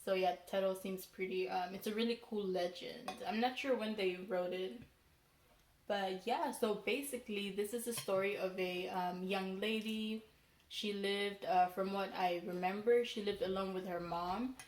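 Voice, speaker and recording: A young adult woman from Palau telling a story casually, in a halting, rambling way with frequent self-corrections. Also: medium pitch, fairly even intonation. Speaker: mukbang vlogger telling a folk legend. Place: small room indoors, seated at a table. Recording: roomy echo, background noise.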